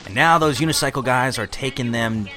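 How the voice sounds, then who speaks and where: A man's voice: mid-range voice, brisk, bright, forceful tone, soft background music. A man hosting a podcast, giving casual, chatty, amused running commentary on a cartoon. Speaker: podcast host.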